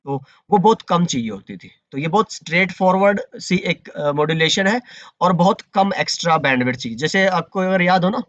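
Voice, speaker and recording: A man's voice: high-pitched, expressive, a little fast, fairly bright tone, no echo, highs cut off. A man teaching a networking course online, explaining in a conversational way and dropping English terms and fillers like "you know" as he goes. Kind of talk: online lecture.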